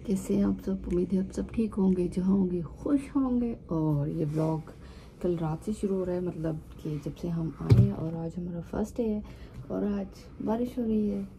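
Speaking at a moderate pace in a warm, lowish voice, a Pakistani woman in her thirties chats to camera for a travel vlog, mixing in English. She's in a hotel apartment room, recorded on a phone placed some distance away, with slight background noise.

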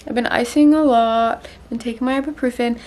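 A woman's voice: on the high side, fairly even intonation, brisk, a little mellow. A woman in her twenties talking casually to a camera at home. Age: 20s. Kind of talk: casual vlog talk to camera. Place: living room.

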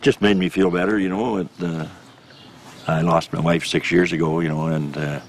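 A man's voice: low-pitched, fairly even intonation, normal speed, a little hiss or hum. An older man speaking in an interview, reflective and plain-spoken. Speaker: interviewee, fan. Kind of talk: candid interview.

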